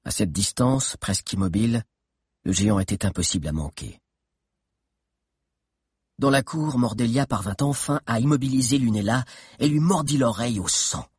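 A man reading a children's adventure novel aloud in a steady, dramatic narration with tense pauses. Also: medium pitch, breathy edge, no room sound, studio quality. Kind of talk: audiobook narration.

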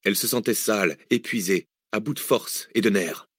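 A man reading an adventure novel aloud in a steady storytelling voice. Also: on the low side, normal speed, slightly rough, dry recording, studio quality. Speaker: audiobook narrator. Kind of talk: scripted narration.

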